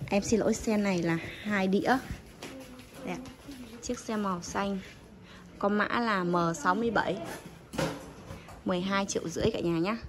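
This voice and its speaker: A woman's voice: mid-range voice, normal speed, pauses often. A woman giving a casual, polite sales walkthrough as a seller, listing items and prices to customers while filming on a handheld phone. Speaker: bicycle seller. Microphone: phone held while filming. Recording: noisy handheld phone recording.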